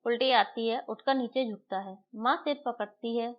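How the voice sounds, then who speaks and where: A woman's voice: fairly high pitch, normal speed, lo-fi sound. A woman teacher reads a play's dialogue for a class and explains each line in her own words. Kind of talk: reading and explaining a play for a class.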